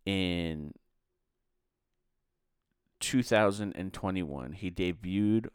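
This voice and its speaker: A man hosts a podcast, chatting casually through fight results and laughing between them. His low, clear, resonant voice moves extremely slowly, captured in clean studio sound with no echo.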